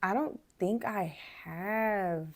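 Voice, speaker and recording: A young woman with a Southern US accent, co-hosting a podcast in animated casual chat and laughing often. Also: medium pitch, drawn-out words. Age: young adult. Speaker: podcast co-host.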